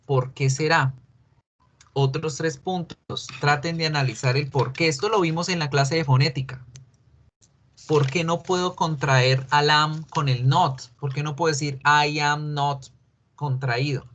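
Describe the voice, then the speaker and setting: A man teaching an English grammar class in Spanish, explaining slowly and patiently and putting questions to his students. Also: a little high, steady tone, a bit bright, a little hiss or hum. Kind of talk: online class lecture.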